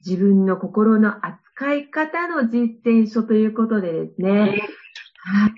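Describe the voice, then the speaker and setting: A woman's voice: mid-range voice, takes it slowly, highs cut off. A woman hosting a radio show in a formal presenting style, speaking extremely polite, honorific Japanese.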